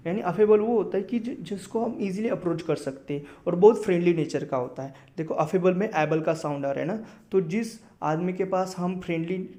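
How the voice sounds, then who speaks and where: A young Indian man teaching vocabulary, reading English sentences slowly and then explaining them in quick conversational talk, often checking in with "right?". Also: a little high, warm tone. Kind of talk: explaining lesson in Hindi and English.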